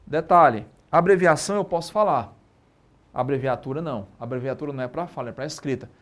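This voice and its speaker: A man with a Brazilian Portuguese accent teaching a live online exam-prep lesson, lively and constantly checking in with tag questions. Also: medium pitch, fairly quick. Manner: lively, asks and answers own questions, frequent tag questions.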